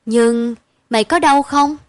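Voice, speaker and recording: A woman reading aloud and voicing a sheltered, soft-hearted boy who speaks earnestly. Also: fairly high pitch, slow, no echo. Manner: earnest, questioning.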